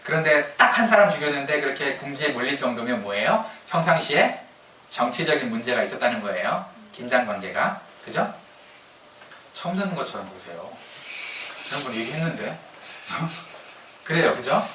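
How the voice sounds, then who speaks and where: Chatty pastor in an echoey hall. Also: male voice, mid-range voice, expressive, moderate pace, sharp tone, slight background noise. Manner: chatty, often asks the audience, laughs at his own jokes. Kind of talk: casual conversational sermon. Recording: echoey hall, mic at a distance.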